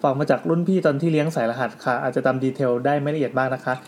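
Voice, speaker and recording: A man's voice: medium pitch, very fast, slight background noise. A man hosting a podcast, retelling listener ghost stories to his co-hosts in a storytelling way and reading letters aloud with his own asides. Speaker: podcast host. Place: indoor studio with co-hosts.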